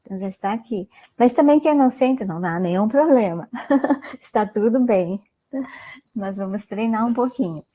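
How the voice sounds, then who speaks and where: A woman with a slightly high, expressive voice, dark in tone with a breathy edge, speaks at normal speed. She's a guest lecturer giving an online mindfulness talk in a Brazilian Portuguese accent, chatty and full of "né?" tags and questions to the audience.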